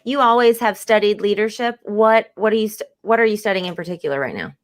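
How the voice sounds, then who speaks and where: A woman's voice: medium pitch, animated, fast talker. A woman co-hosting a casual chat, eager and affirming, often asking the guest questions. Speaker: co-host.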